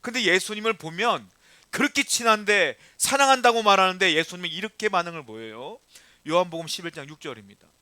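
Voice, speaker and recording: A male pastor preaching a sermon, often asking the congregation rhetorical questions and swinging from quiet to loud. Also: high voice, animated, fast, no room sound.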